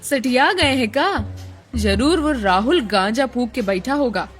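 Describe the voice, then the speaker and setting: A woman's voice: a little high, expressive, unhurried, faint music behind. A woman playing a rustic indignant mother. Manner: indignant, rustic village speech. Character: middle-aged mother, proud and quick to scold.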